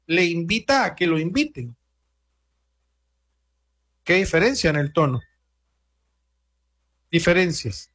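A man hosting early-morning radio news in a notably high voice. He talks loosely and conversationally, dropping in wry asides between the news items. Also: fairly bright tone. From Venezuela. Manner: conversational, reads quotes aloud, adds wry asides.

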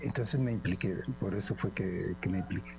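A man's voice: deep voice, brisk, gravelly, dull audio, noisy background. A man from Guatemala, board member of an aid association, answering with many fillers. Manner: hesitant, frequent fillers. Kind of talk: interview answers.

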